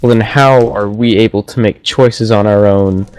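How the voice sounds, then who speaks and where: A man's voice: fairly low pitch, fairly even intonation, normal speed, crowd noise, poor audio. A young man co-hosting a casual philosophy chat, rambling with lots of "like" and "you know". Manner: rambling, filler-heavy. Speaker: co-host.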